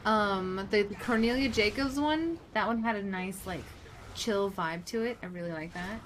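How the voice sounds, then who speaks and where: A woman's voice: medium pitch, moderate pace. A woman game streamer chatting casually and thinking aloud as she plays, her delivery swinging between muttering and exclaiming. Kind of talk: casual gaming livestream chat. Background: music behind the voice.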